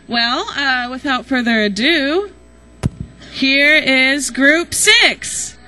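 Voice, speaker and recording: A young American student from Nashville, Tennessee, improvises a casual introduction of a group to an auditorium, chatty and informal and sprinkling in "y'all." Her high voice is bright and forceful and very slow, with faint music behind and poor audio.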